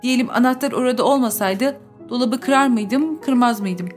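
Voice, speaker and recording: A woman reading a first-person audiobook in a measured, subdued way. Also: a little high, faint music behind. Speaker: audiobook narrator.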